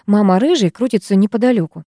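A woman's voice: fast, no room sound, studio quality. A woman narrating a novel as an audiobook, lifting her voice for the heroine and her friends. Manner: lively, raising pitch for the heroine and her friends. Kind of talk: audiobook reading with character voices.

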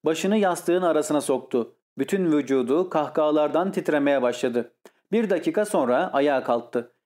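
Male audiobook narrator, fairly high voice. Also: moderate pace, darkish tone. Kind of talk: scripted literary narration.

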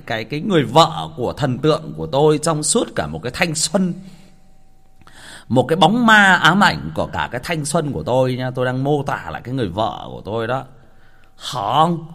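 Lively male storyteller. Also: fairly high pitch. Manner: animated, chatty, stumbles and repeats words, addresses listeners directly. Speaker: storyteller host. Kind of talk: casual first-person storytelling.

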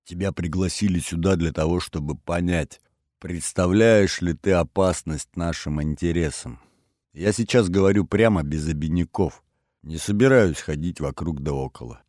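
A man voicing a hoarse, domineering spokesman of a secret government in an audiobook, speaking calmly and bluntly. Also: low voice, normal speed, dry recording, clean studio sound, close to an everyday voice. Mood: formal. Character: hoarse male spokesman of a shadow government, cold. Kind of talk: audiobook character reading.

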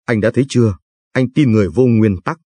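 A man's voice: on the low side, fast talker, warm tone, dry recording, close to an everyday voice. A man doing a stern revolutionary leader. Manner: firm, admonishing.

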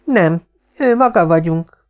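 A man doing a high, lisping little child. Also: lively intonation, clean tone, lightly acted. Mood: whiny. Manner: drawn-out, whiny. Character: small lisping sobbing child.

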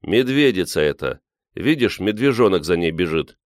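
A wry, steady young man, voiced by a male narrator, teasing with dry humor. The voice stays very low, close and dry. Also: normal speed, dry recording.

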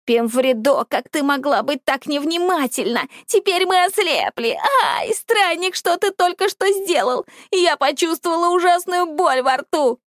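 A woman voicing blind old hag sisters from a myth, shrill and pleading. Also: animated, measured pace, hardly any pauses, a bit bright, dry recording, studio quality. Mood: shrill panicked.

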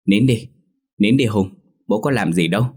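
A man's voice: fairly low pitch, lively intonation, moderate pace, a little mellow, husky. Man doing a flustered, pleading old grandfather.

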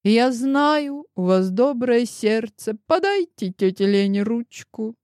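A woman's voice: a little high, lively intonation, slow, darkish tone, no room sound, studio quality, pitched above the performer's own voice. A woman reading an audiobook and voicing a brash, sarcastic secretary in her forties with a cheeky, theatrical manner.

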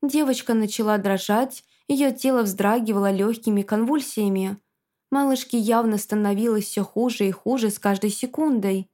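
A woman narrating a first-person fantasy story in a measured, dramatic storytelling manner. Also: mid-range voice, dark tone. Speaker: audiobook narrator.

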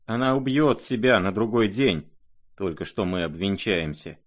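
A man's voice: lowish voice, animated, moderate pace. A man voicing a proud, impetuous young woman who fires off insistent, jealous questions in a raised voice. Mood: heated.

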